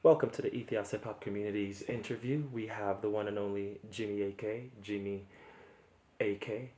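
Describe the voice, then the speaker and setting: A male interviewer with a fairly low voice asks friendly, plain questions. His voice rings around an echoey room. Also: steady tone, normal speed, dark tone.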